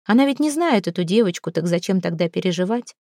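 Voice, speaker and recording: Mellow woman narrating a story. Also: on the low side, expressive, fast talker, no room sound, studio quality. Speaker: audiobook narrator. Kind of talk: scripted narration.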